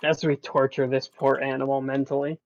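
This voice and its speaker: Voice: medium pitch, level tone, moderate pace, muffled recording. Blunt, stubborn tabletop player. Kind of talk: tabletop game play.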